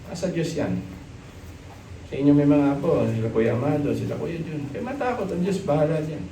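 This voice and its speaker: A Filipino man in middle age gives a sermon in a church hall, his voice sitting on the high side and full of playful energy. He teases his listeners and slips between Tagalog and English phrases. The sound is roomy and a little distant, with faint hall ambience behind him. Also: brisk, slight background noise. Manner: animated, switches between Tagalog and English, joking. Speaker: pastor. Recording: echoey church hall, from off the mic.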